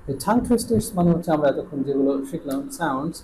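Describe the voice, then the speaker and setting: A man with a Bangladeshi accent teaching English pronunciation in an online lesson, drilling sounds slowly and switching between Bengali and English. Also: on the high side, lively intonation, warm tone, slight background noise, low-quality recording.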